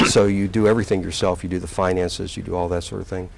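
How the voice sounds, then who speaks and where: A community college president in his sixties, appearing as a guest, looks back on his career in a relaxed interview. His deep voice has vocal fry, and he speaks haltingly with many fillers and restarts.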